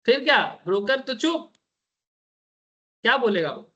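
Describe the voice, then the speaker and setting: A male teacher telling a personal story to his class in an animated way, turning to his listeners directly. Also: very high-pitched, measured pace. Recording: dull lo-fi recording.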